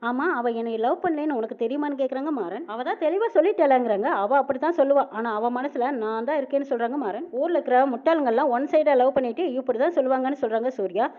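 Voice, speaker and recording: High-voiced woman rattling off a serial recap, tinny phone-line sound. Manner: rapid, with a reporting tag after each quoted line. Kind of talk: fast retelling of a TV serial episode, quoting every character. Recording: narrow phone-like band.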